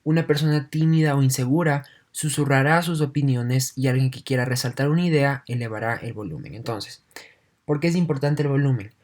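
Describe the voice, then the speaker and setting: A male teacher delivering a recorded online lesson. He reads each point aloud and then unpacks it in everyday words. He keeps checking in with his students in a steady, patient explaining manner. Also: mid-range voice, brisk. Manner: leans heavily on "entonces" and checks in with "¿no?". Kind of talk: online class lecture.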